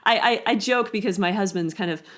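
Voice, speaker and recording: A woman in her forties co-hosting a podcast, talking in an animated, casual way. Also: medium pitch, brisk. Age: 40s. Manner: animated, often tags "right?". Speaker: podcast co-host. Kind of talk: casual chat.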